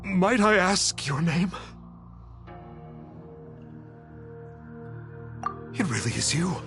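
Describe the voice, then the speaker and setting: A man's voice: sits high, sing-song, normal speed. A young male devotee in a video game, with a raised, earnest voice. He speaks formally and reverently, as if starstruck, over background music. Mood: awestruck. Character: earnest young man, starstruck devotee repenting his trickery.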